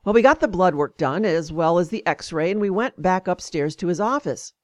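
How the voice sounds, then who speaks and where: A woman's voice: fairly low pitch, animated, moderate pace, darkish tone, dry recording. A woman hosting a show, telling a personal story in an indignant, conversational way.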